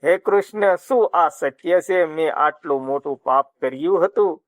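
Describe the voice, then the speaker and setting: A man's voice: fairly high pitch, measured pace, dry recording, close to an everyday voice. A man voicing the grieving queen Draupadi in a told myth, speaking in a trembling, imploring way. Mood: pleading. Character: grieving queen Draupadi, adult woman, pleading.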